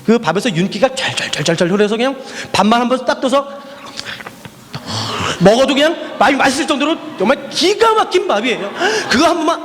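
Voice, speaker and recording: A very high-pitched, brisk voice echoes with a long reverb tail as a missionary preacher gives his sermon in a church hall. He tells stories animatedly, repeating refrains and asking the congregation rhetorical questions.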